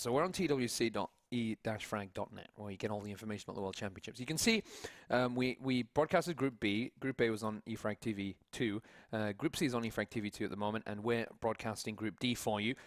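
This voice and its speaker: A man's voice: fairly low pitch, dry recording, clean studio sound. A man hosting a live esports broadcast, talking in an upbeat, chatty way and often restarting his sentences mid-thought. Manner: upbeat and talkative, with frequent restarts. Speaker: esports host commentator.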